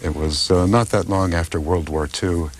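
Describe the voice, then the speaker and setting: With a steady tone and moderate pace, an older American man with a very deep voice responds to interview questions. He works as a political philosopher and translator, and his speech is thoughtful and tentative, marked by frequent fillers and restarts.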